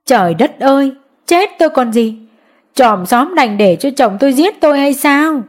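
A woman's voice: sits high, animated, moderate pace, darkish tone, pitched above the performer's own voice. A woman voicing a frightened wife who pleads with her neighbors in an audiobook. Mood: desperate.

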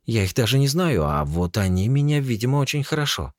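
A man's voice: mid-range voice, very animated, fairly quick, dry recording, clean studio sound, pitched above the performer's own voice, close to an everyday voice. A man voicing a young woman in an audiobook, a distraught sister who talks in tearful, accusing bursts. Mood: suspicious.

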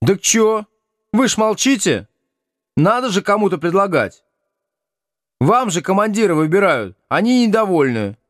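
Man playing a brash teenage girl, high-pitched, blunt and pushy, audiobook. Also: sing-song, measured pace, long pauses, fairly bright tone, no echo, studio quality, heavily acted.

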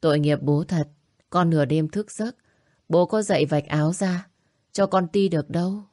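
A woman's voice: lowish voice, normal speed, dark tone, no echo, studio quality, natural voice. A woman voicing a young mother who scolds sharply, protective of her baby. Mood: sarcastic. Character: young mother, angry and protective daughter-in-law.

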